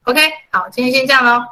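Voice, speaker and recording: A woman's voice: high voice, poor audio. A woman hosting a podcast, telling a story casually and acting out the lines of the people in it. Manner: chatty, quotes others in animated asides. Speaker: podcast host.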